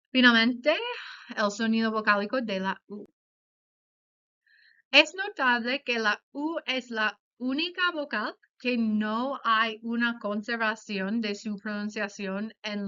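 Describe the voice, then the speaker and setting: A woman giving a class presentation on pronunciation, explaining carefully and saying example words slowly. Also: a little high, sharp tone, clean tone. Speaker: student presenter. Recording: dull lo-fi sound.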